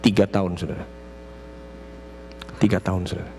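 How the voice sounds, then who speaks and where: A man's voice: deep voice, normal speed, slight background noise. A male preacher tells a story in a sermon to a church congregation. He keeps addressing them as brothers and sisters. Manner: animated storytelling with acted quotes. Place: church service.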